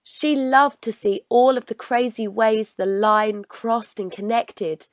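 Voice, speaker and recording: A woman reads a children's story aloud like a storybook reader, expressive and deliberate. Her mid-range voice comes through clean studio sound with no room noise.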